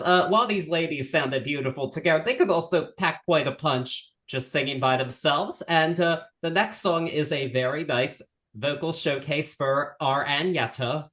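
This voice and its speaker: A chatty man co-hosting a podcast about albums, with a voice of ordinary middle pitch. He is opinionated and readily laughs at his own slips. The delivery is relaxed and conversational. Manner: chatty, self-deprecating, opinionated. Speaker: podcast co-host. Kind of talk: casual music discussion.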